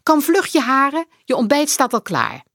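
A woman's voice: high voice, huge pitch swings, moderate pace, a bit bright, no room sound, voice pushed up, heavily acted. A fussy, stern storybook mum, voiced by a woman reading aloud, scolding in a raised, exasperated voice that swoops up and down a lot. The sound is close and dry. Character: stern, fussy mother scolding her daughter.

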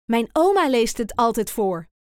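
A woman reading a children's story voices a soft-spoken little girl full of wonder. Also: a little high, very animated, normal speed, no room sound, clean studio sound.

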